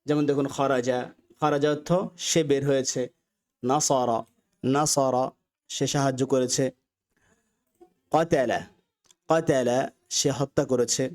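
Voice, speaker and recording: A man with a Bangladeshi accent leads a recorded grammar lesson at a measured, patient pace. His voice sits in an ordinary middle pitch. He drills vocabulary by saying each word two or three times over. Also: fairly even intonation, darkish tone. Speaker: Arabic grammar teacher.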